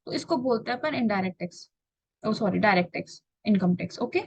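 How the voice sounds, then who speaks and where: A young woman teaching a revision lecture. She poses questions and answers them herself, repeats key terms, and reads definitions slowly, word by word. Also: mid-range voice, animated, husky, no room sound. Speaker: tax tutor.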